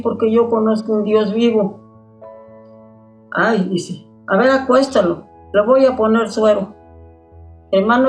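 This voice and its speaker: A woman's voice: a little high, warm tone, poor audio. An older woman with a Mexican Spanish accent, telling her story in a plain way and often calling her listeners brother. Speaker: church member giving testimony. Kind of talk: spoken testimony.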